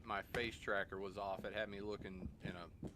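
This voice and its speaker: A man's voice: lowish voice, little pitch movement, normal speed. A man chatting casually and bluntly as a race engineer to his teammate, with car engines behind him. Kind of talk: casual sim racing team chat. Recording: very noisy, engine roar. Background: race car engine noise.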